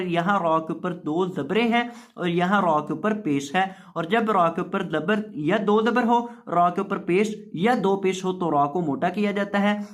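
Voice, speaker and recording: A man teaching Quran reading step by step, patiently repeating and drawing out each word. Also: high voice. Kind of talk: slow step-by-step lesson.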